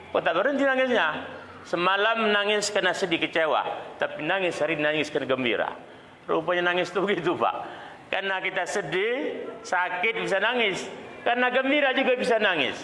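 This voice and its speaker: A middle-aged man preaching a sermon, telling stories with lively acted-out dialogue and frequent laughter. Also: high-pitched. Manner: lively storytelling, acts out dialogue, laughs often. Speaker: Islamic preacher. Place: large mosque hall. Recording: echoey mosque hall, faint noise.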